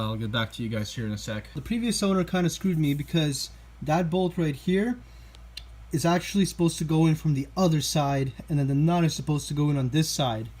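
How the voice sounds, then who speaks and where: A man vlogging casually while he works on a motorbike indoors, talking with a relaxed manner and thinking aloud with fillers. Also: fairly high pitch. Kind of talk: casual commentary while working. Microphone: camera mic, handheld then set down.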